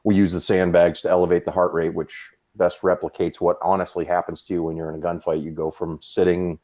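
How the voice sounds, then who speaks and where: As a podcast guest, a man from Massachusetts in his fifties talks casually about fitness in a low, brisk voice. He's laid-back when he tells stories, and fillers crop up often.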